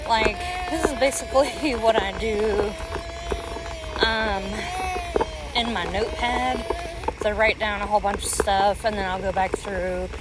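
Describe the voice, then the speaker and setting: A woman's voice: medium pitch, unhurried, long pauses. A woman podcaster talking casually and unscripted, musing aloud as she walks. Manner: musing aloud while walking. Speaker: podcast host and mother. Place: outdoors on a local walk. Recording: outdoor walking recording, loud ambient noise. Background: crunching dry leaves underfoot, outdoor noise.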